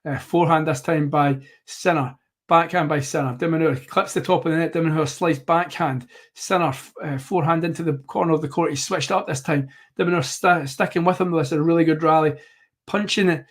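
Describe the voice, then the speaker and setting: On the high side and slightly hoarse, this man's voice moves briskly with fairly even intonation. He's hosting a live tennis watchalong, commentating each point in a rambling way and frequently correcting himself.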